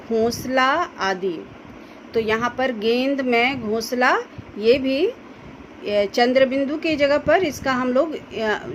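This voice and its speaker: A woman teacher explaining a grammar lesson to students slowly, carefully pronouncing each example sound. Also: sits high, a little hiss or hum, low-quality recording. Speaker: school Hindi teacher.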